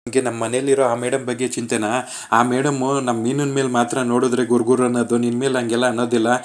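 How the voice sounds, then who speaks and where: A kind young husband, talkative and teasing, coaxing everyone out of their worries, as a man reads his lines. His voice stays flat and middle-pitched, plain and everyday. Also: fast talker, natural voice. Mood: reassuring.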